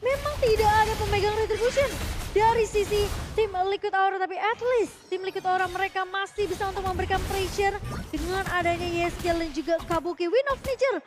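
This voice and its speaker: A woman's voice: very high voice, fairly even intonation, fairly quick. A woman with an Indonesian accent giving live analysis as co-caster of an esports match. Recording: loud music behind the voice. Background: music.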